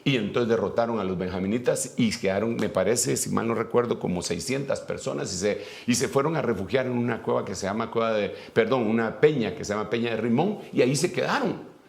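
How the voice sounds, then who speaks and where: Man, pastor, sermon, gravelly voice, storytelling. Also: mid-range voice. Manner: retells scripture in a lively storytelling way with pauses and restarts.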